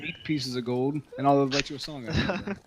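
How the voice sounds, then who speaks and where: A man's voice: mid-range voice, brisk, a crowd in the background. A man playing a bard in a tabletop game, joking around and laughing a lot. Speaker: player, bard. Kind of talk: casual game chat.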